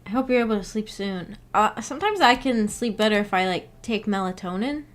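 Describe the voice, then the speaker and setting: Here the livestreamer's voice is mid-range, expressive and brisk. As a book club host, she casually goes through viewer comments, answering them with rambling hesitation and giggles.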